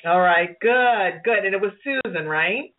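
A woman's voice: medium pitch, animated, measured pace. A middle-aged woman with a Brooklyn accent hosting a call-in show, giving casual spiritual advice in an encouraging, rambling way, often repeating her phrases. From Brooklyn, New York. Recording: narrow phone-like sound.

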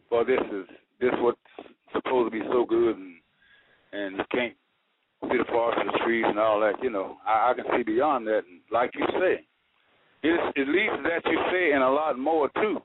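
A man with a mid-range voice and moderate pace phones into a radio show, heard through a tinny line with static. His casual talk is earnest and folksy, sprinkled with homespun sayings.

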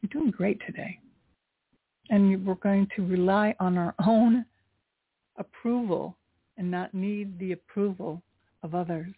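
A woman hosting a spiritual call-in show as an angel card reader, speaking in an encouraging, affirming way with a husky, gravelly voice. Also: mid-range voice, fairly even intonation, unhurried, no room sound. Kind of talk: spiritual reading with call-in segment. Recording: tinny phone-line sound, roomless and dry.

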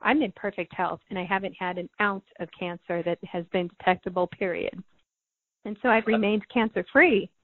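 A woman's voice: mid-range voice, moderate pace, no echo. Woman, 40s, coach guest; emotional storyteller; tinny phone-line audio, dry. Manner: emotional, animated storyteller acting out quoted voices. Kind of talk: personal storytelling in an interview.

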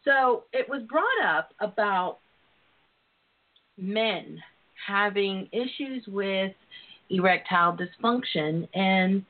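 A radio talk show host who works as a relationship and intimacy coach speaks in a slow, expressive mid-range voice. She is sassy, bawdy and playful, flirting and tossing out endearments freely, and the sound is tinny like phone-line internet radio.

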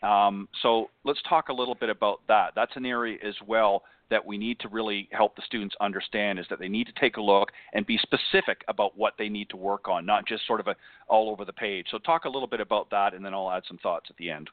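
A man's voice: lowish voice, steady tone, fast, dry recording. A man co-hosting a golf show, talking in a rambling way, often restarting and backtracking. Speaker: co-host. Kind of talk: casual chat. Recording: dry, tinny phone-like sound.

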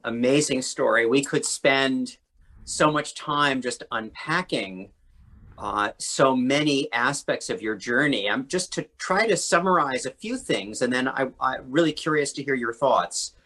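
A man's voice: medium pitch, a little slow, bright, forceful tone. A man hosting an interview, summarizing a guest's points with appreciative, hesitant phrasing. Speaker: interview host.

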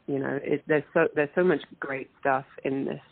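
A woman's voice: very deep voice, fairly even intonation, moderate pace, vocal fry, no echo. A woman, an actress guest talking earnestly and reflectively in an interview. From England. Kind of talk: interview over a call. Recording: tinny phone-like line.

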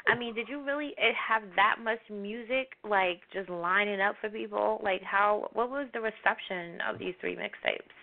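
A playful middle-aged woman hosts a chatty interview, teasing her guest and giggling as she goes. Her voice is mid-pitched and reaches us thin and tinny, as if over a phone. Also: normal speed, gravelly, few pauses. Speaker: show host. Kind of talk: casual interview chat.

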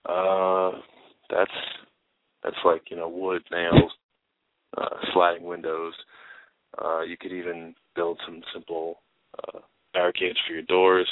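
Deep-voiced man on a phone-like line. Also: completely flat delivery, slow, pauses often, slight background noise. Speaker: talk show host. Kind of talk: casual advice chat. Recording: narrow phone-like sound, dry.

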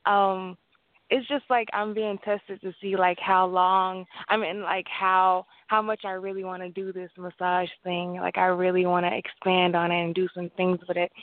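A woman's voice: lowish voice, level tone, moderate pace, no echo. Giggly woman caller over the phone. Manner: chatty and giggly, many fillers. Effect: heard over the phone. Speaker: caller to a call-in show. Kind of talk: casual chat. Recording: tinny phone line, dry.

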